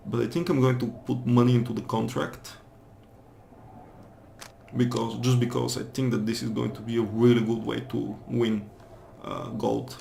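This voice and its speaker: A man's voice: medium pitch, level tone, moderate pace, vocal fry, warm tone, a little hiss or hum. A man casually commenting as he plays a game, thinking aloud about his choices. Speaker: let's play host. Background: game music.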